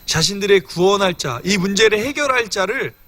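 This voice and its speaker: A man's voice: high voice, expressive, a little fast, fairly bright tone, no echo. A young man preaching a midweek church sermon, earnestly explaining scripture and addressing the congregation directly. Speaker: evangelist preaching.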